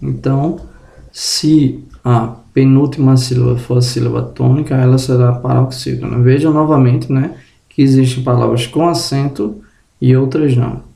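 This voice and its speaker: A man giving a spoken grammar lesson, slowly drawing out example words and checking in with the viewer, slightly groggy and tripping over words. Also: mid-range voice, fairly even intonation, gravelly, warm tone, echoey room. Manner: tag questions to the viewer. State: just woke up, tongue tripping. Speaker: teacher.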